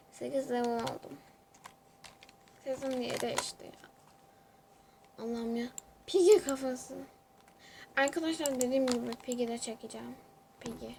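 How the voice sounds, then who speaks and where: Excitable young woman commenting on a game. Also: high voice, a little hiss or hum. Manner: excitable, chatty, talks to viewers while playing. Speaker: gamer. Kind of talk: casual gaming commentary.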